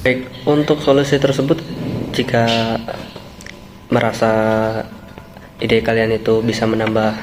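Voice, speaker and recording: A young man leads a role-play meeting as the boss, his delivery hesitant and full of fillers. His voice stays flat and level, with faint noise behind it. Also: mid-range voice, measured pace, long pauses. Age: young adult. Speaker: company boss leading a meeting.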